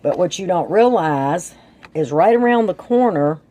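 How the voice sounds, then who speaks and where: Low-voiced woman with a congested sore throat. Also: lively intonation, unhurried, dark tone. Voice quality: congested, thick sore-throat voice that breaks here and there. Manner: folksy, chatty, addresses viewers as guys. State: sore throat with sinus drainage, voice slightly off and breaking up. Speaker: tarot reader and channel host. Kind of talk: casual tarot reading to viewers.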